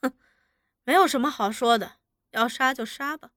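A woman's voice: high-pitched, normal speed, a bit bright, no room sound, studio quality. A woman voicing a proud widowed young woman who answers with cold contempt. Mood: contemptuous.

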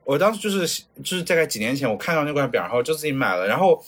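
A man's voice: on the high side, racing, slightly rough. A man from China, co-hosting a casual podcast chat, telling stories with lots of energy and acting out the other people in them. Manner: lively storyteller, mimics voices in his stories. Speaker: podcast co-host. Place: lives in Japan.

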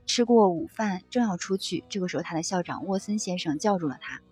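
A woman reading passages from a book aloud and reflecting on them in a gentle, conversational way, with soft fillers between thoughts. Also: on the low side, lively intonation, fairly quick, slightly rough, soft background music. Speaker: book-sharing presenter.

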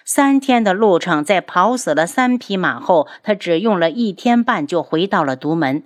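A woman narrating a serialized audiobook in an even storytelling delivery. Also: on the low side, normal speed.

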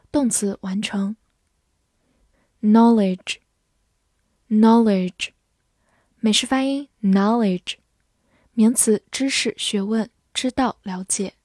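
Woman English teacher, slow deliberate delivery, words repeated carefully, close dry sound. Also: mid-range voice, mellow, slightly rough, no room sound. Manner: says each English word slowly twice, then reads its meanings. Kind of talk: vocabulary lesson.

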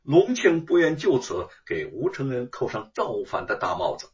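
A man's voice: medium pitch, big pitch swings, normal speed. A man telling a traditional story in a dramatic, sing-song narration. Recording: dull recording from far off.

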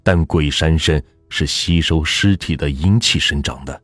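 A man narrating a folk ghost story in a measured, steady storytelling manner. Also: extremely low pitch, no echo, soft background music.

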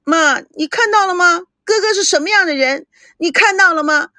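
A woman voicing a spoiled, quarrelsome young woman in an audiobook, sharp and accusing. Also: high-pitched, very animated, moderate pace, no room sound, clean studio sound, exaggerated voice. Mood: wailing.

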